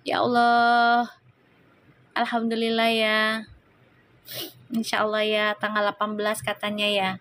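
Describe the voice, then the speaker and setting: A woman's voice: medium pitch, completely flat delivery, unhurried, pauses often, fairly bright tone, smooth. A woman tarot reader chatting on a live stream, effusive and full of exclamations of praise. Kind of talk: casual live-stream chat.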